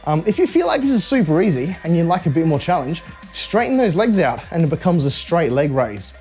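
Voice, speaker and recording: A man with a slightly high voice leads a live workout class. He talks casually as a fitness coach, cueing each move step by step. Faint music plays behind him. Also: big pitch swings, brisk, darkish tone. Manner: conversational coaching, cueing exercise moves step by step.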